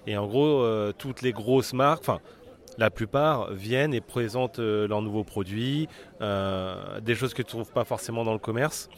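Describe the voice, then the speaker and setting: A man co-hosting a podcast, explaining quickly in a casual way with lots of fillers. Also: fairly low pitch. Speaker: podcast co-host.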